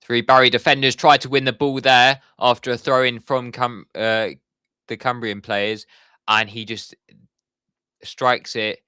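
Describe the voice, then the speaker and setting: This watchalong streamer, a young man, commentates live on football while chatting to the viewers in his stream's chat. His medium-pitched voice is smooth, pushed and bright, recorded with no room sound.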